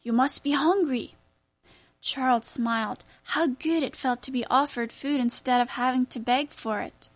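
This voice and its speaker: A woman narrating a children's story aloud in a clear, even reading manner. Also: high-pitched, normal speed, hardly any pauses.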